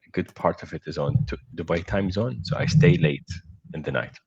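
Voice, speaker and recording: Very deep, gravelly man with a morning voice. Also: a little mellow, slight background noise. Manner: measured and reflective, with fillers. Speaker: guest, startup founder. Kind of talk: casual interview over video call. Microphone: video call. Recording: muffled video-call audio.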